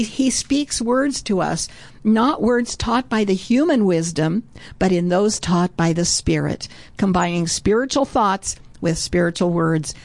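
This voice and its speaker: A woman's voice: mid-range voice, a little mellow, no echo. A woman preaching a sermon earnestly, often breaking in with "oh" as she speaks.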